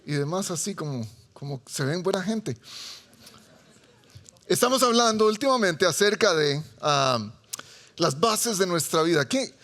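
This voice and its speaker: A man's voice: sits high, fairly bright tone. A man with a Costa Rican accent preaching a sermon to a seated congregation, chatty and joking with them. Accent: Costa Rican Spanish. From Costa Rica. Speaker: pastor. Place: church sanctuary before a seated congregation.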